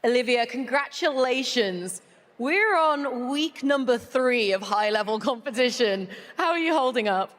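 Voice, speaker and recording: A woman's voice: on the high side, lively intonation, measured pace, fairly bright tone, in a large hall. A woman conducting an upbeat live interview with an athlete in a large venue. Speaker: on-floor sports interviewer. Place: large indoor competition venue.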